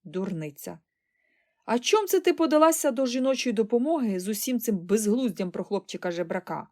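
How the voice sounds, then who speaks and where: A woman's voice: fairly high pitch, expressive, fairly quick, a little mellow, lightly acted. Stern prim aunt, sharply scolding, a woman reads. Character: stern, prim middle-aged spinster aunt.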